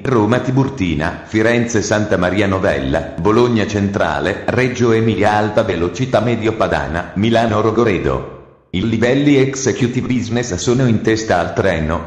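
A man gives train station announcements in a measured, formal way. His voice sits fairly low and rings out through an echoey hall.

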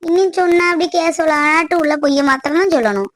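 A woman voicing a cheerful village man just back from fishing in a cartoon, chatting in a relaxed, self-amused way. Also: sits high, a little fast, slight background noise. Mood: relieved chatty. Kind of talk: cartoon voice acting.

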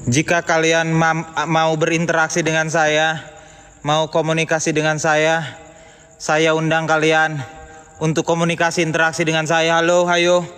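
A man with streaming a ghost hunt, nervously calling out into the dark on a handheld phone. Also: fairly high pitch, completely flat delivery, normal speed, clear, resonant tone, faint music behind. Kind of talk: live ghost-hunting stream. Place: empty haunted building indoors. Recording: reverberant hall with faint noise.

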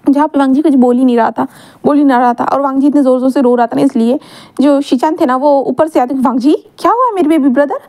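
High-voiced woman telling a story. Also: steady tone, fast talker, dark tone. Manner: chatty, self-correcting asides. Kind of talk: casual fan-fiction narration.

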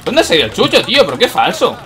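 A young man from Spain with a Spanish accent, commenting on his own gameplay and talking to himself, excitable and swearing often. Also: sits high, racing, faint music behind. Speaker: gaming YouTuber.

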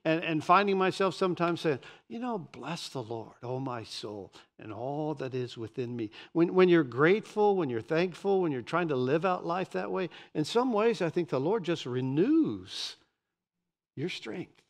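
A man in his sixties preaching a sermon from a church pulpit, animated and often repeating words as he starts a sentence. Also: on the high side, moderate pace. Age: 60s. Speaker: pastor. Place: church stage behind a pulpit.

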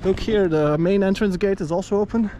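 Strolling an outdoor stadium and its corridors, a Belgian man in his thirties chats casually for his travel vlog, laughing often. He has a high, mellow voice and a brisk pace. There's a little hiss or hum on the recording from his arm's-length action camera.

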